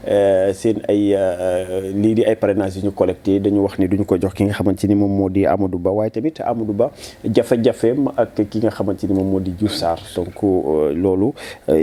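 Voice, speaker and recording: A man, discussing politics hesitantly with many pauses. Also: fairly low pitch, warm tone. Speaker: political commentator.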